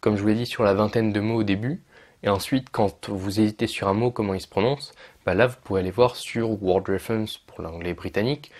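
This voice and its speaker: A man's voice: lowish voice, darkish tone. A young man explaining pronunciation steps in a casual video lesson, with frequent fillers and self-corrections. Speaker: English teacher for French speakers.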